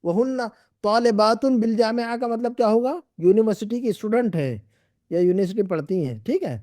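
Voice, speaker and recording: A man's voice: high-pitched, brisk, darkish tone, dry recording, studio quality. A middle-aged man teaching an Arabic class, patiently repeating and drilling words with his students. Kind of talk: classroom lesson.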